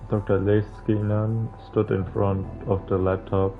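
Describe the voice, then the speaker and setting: Unhurried and lowish, with little pitch movement, a young man reads a visual novel's text aloud on stream before breaking into casual, slangy jokes laced with swearing. The sound, from a streamer microphone with face cam, is narrow and phone-like, with game music in the background.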